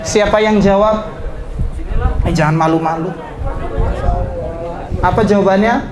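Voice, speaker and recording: Teasing ustadz preaching. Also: male voice, high voice, steady tone, measured pace, crowd noise. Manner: swings between shouting and soft asides, teasing jokes. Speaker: ustadz teaching students. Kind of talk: lively religious talk to students.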